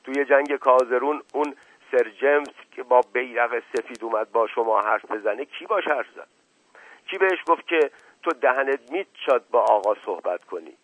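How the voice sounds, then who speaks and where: A man's voice: mid-range voice, no echo, lightly acted. A male narrator voicing a talkative, boastful old rustic servant with a folksy drawl full of stock hesitations, in a storybook reading. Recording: tinny narrow-band radio sound, dry.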